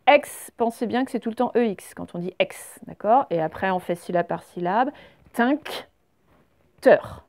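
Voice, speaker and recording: A French woman teaching a reading lesson, speaking slowly and clearly and spelling words out letter by letter. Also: mid-range voice, a little mellow.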